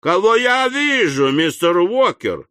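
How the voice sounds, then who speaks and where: A man reading an audiobook voices a sly, tearful hypocrite who fawns in a gushing, drawn-out, plaintive way. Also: a little high, big pitch swings, fairly bright tone, no echo, clean studio sound. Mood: gushing, fawning.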